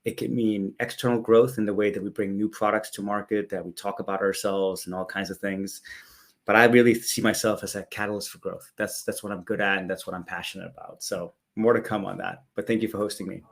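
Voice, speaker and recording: A man's voice: lowish voice, fairly even intonation, a little fast, gravelly. A man in his forties from Denmark, a business executive telling his story as an interview guest with enthusiasm. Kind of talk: conversational interview answers.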